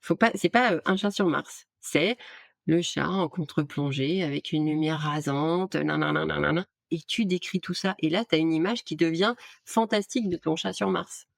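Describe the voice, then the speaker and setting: Woman guest, gravelly voice, dry close sound, hesitant with restarts. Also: low-pitched, moderate pace, no room sound. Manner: hesitant, many restarts and fillers. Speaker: guest, art director and AI trainer. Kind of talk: casual interview talk.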